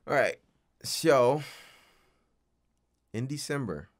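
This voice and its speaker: A man's voice: medium pitch, sing-song, takes it slowly. A man co-hosting a podcast, playfully teasing and quizzing his friend in casual chat. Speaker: podcast co-host asking questions.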